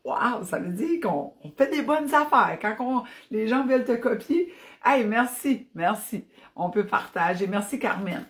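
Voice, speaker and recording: A woman's voice: a little high, lively intonation, a little slow. A woman with an Acadian French accent from New Brunswick, chatting enthusiastically on a fitness live stream and slipping in English phrases. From New Brunswick, Canada. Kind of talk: casual live-stream chat.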